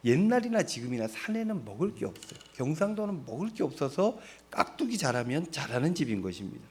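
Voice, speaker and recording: Here a middle-aged Seoul pastor talks in a fairly high, a little mellow voice that swings widely in pitch and moves briskly. He delivers his sermon conversationally, quizzing his congregation and answering for them, and laughs at his own humor.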